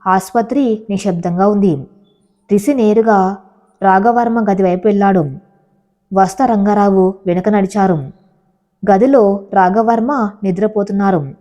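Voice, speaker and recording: A woman narrating an emotional love story in a steady, measured way. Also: medium pitch, muffled recording.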